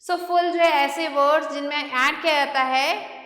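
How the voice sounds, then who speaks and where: A woman teaches a grammar lesson in a high, bright voice. She reads each English rule out slowly, then explains it in Hindi mixed with English. The recording has an echoey room with a long reverb. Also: steady tone.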